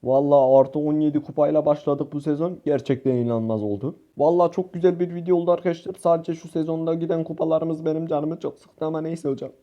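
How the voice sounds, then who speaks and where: This is a young Turkish YouTuber calling out live gameplay with excitement, yelling at teammates and rapidly repeating words. The voice runs on the high side, with the upper frequencies missing.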